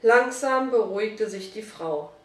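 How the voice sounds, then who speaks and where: A woman narrating a children's storybook aloud in a steady, even reading voice. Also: mid-range voice, unhurried. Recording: roomy, distant mic.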